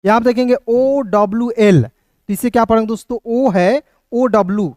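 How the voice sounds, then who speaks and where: High-voiced man teaching English spelling. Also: darkish tone, no room sound, studio quality. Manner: repeats questions to viewers, checks "clear?" often; slow, spelled-out letter drilling. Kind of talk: classroom-style spelling lesson. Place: hot room with a fan running.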